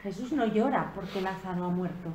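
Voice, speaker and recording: A woman giving a slow, reflective sermon on a Gospel passage at a retreat, rising in emphasis on key phrases. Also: mid-range voice, darkish tone. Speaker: preacher giving a retreat talk. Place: convent retreat room. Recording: echoey room with faint background noise.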